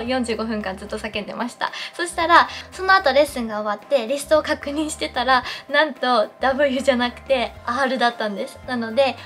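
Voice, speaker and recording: A young woman teaching English pronunciation in a clear explanatory tone, saying English model phrases slowly and carefully. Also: sits high, a bit bright. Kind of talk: pronunciation lesson.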